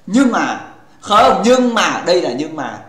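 A man's voice: high-pitched, very animated, takes it slowly, crowd noise. A man hosting a gaming livestream in casual chat, playful and teasing with his viewers, rambling and restarting his sentences. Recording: echoey room.

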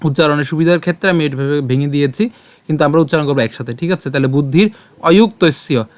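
A man teaching the Gita, breaking a Sanskrit verse into syllables and chanting it slowly with a tune. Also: fairly high pitch, dry recording. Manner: slow syllable-by-syllable pronunciation drill. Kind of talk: devotional recitation lesson.

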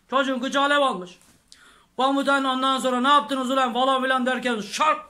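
A man's voice: very high voice, bright, forceful tone. A man telling a rambling army story to his viewers, peppered with oaths and chuckles. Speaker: vlogger. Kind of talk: casual storytelling to camera.

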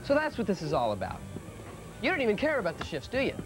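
A man's voice: high voice, huge pitch swings, fast talker, music in the background. An actor playing an exasperated young man begging a friend to let him off a bet, in a sitcom. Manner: pleading, exasperated. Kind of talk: sitcom acting.

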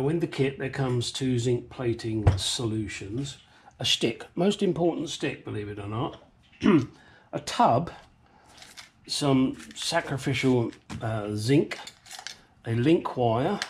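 Unhurried middle-aged Englishman, blunt and joking. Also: medium pitch. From England. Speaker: host of a garage how-to channel. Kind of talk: casual hands-on demonstration. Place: small cluttered garage workshop, indoors. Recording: clear ambient workshop noise.

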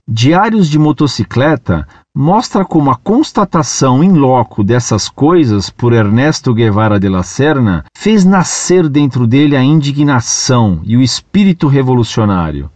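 A man reading a listener's letter aloud in a measured, deliberate way, phrases falling at the ends. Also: medium pitch, a little mellow, no room sound.

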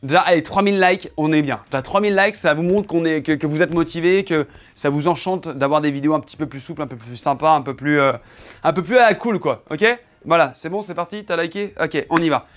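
A man with a voice pitched a touch high talks to camera in loose, joking chat. He shows off his new setup from his home office indoors. He keeps up a playful, teasing back-and-forth with his cameraman. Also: a little fast. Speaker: YouTuber showing his desk setup.

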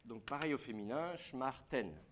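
A man's voice: fairly high pitch, lively intonation, measured pace, background noise. A man teaching a class, explaining step by step and putting questions to his students. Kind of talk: classroom lecture.

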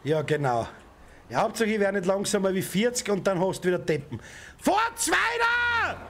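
Brief: young Austrian gaming streamer, high voice, angry outbursts at traffic, faint hiss in the room. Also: male voice, big pitch swings, moderate pace, vocal fry. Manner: swears and shouts at other drivers. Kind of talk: let's play commentary. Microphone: desk mic with headset.

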